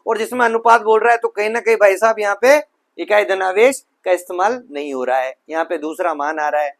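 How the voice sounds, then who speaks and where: Man, high-pitched, physics lecture, rhetorical questions, self-corrections. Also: a little fast, vocal fry. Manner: talks students through steps with frequent rhetorical questions; repeats himself, self-corrects mid-sentence. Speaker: physics teacher.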